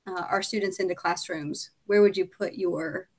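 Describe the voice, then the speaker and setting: A woman interviewing a help desk team, asking long, halting questions with many fillers. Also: on the low side, steady tone. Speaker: visiting student interviewer.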